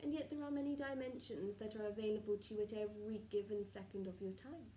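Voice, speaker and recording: Woman as a mellow, solemn channelled spirit guide. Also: medium pitch, steady tone, lightly acted. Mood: gentle, instructive. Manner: formal, halting, stilted phrasing with murmured pauses. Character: solemn benevolent collective of spirit guides advising a client. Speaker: trance channeller, spirit medium. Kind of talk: seance medium channelling, improvised spiritual counsel. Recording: roomy, distant mic with faint noise.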